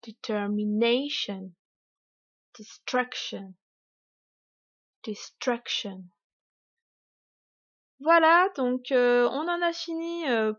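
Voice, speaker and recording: A woman with a fairly high voice gives a casual online lesson, chatty, with lots of fillers and self-corrections. She slows down to stress example words. The recording sounds dull and dry. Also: no echo. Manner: chatty, many fillers and restarts. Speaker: English teacher. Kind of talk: YouTube pronunciation lesson.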